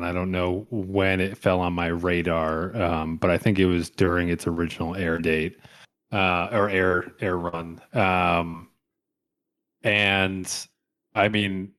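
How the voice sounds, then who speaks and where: A man's voice: deep voice, fairly bright tone. A man co-hosting a podcast in casual chat, reading out his research notes with wry, offhand asides. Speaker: podcast co-host.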